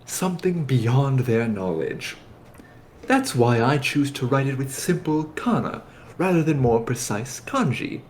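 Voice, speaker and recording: A man's voice: medium pitch, lively intonation, measured pace, a little mellow, slight background noise. A man reading aloud and chatting casually as a member of a reading cast.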